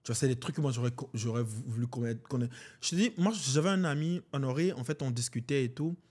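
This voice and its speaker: With a medium-pitched, breathy-edged voice and a quick pace, this Beninese man in his twenties chats on a podcast. His Beninese French accent is clear, and he's animated and slangy, leaning heavily on "en fait, tu vois".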